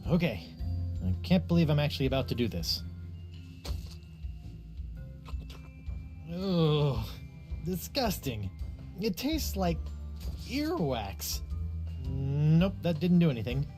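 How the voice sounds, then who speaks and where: A man's voice: a little high, sing-song, unhurried. A young pirate hero for a comedic video game. He is quippy and naive, with a theatrical, very mobile delivery. Music plays behind his chatty wisecracks. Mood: wry, grossed out.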